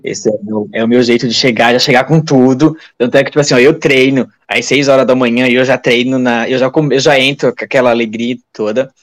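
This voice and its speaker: A man, a guest telling stories in a casual, animated interview. He acts out the dialogue he retells and restarts his sentences often. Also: medium pitch, fast talker, few pauses. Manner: many fillers and restarts.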